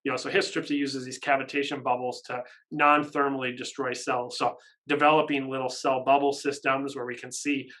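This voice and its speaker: A man in his thirties talks informally about research as a professor taking questions. His pitch sits in the middle range. He sounds keen and caffeinated, pushing out phrases in emphatic bursts. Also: level tone, a little fast, sharp tone. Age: 30s. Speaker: university professor and research lab head. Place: small office, indoors.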